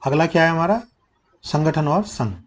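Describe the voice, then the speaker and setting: A young man teaching current affairs for exam prep, asking questions and answering them himself, dropping low to stress key facts while he writes with a pen. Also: moderate pace.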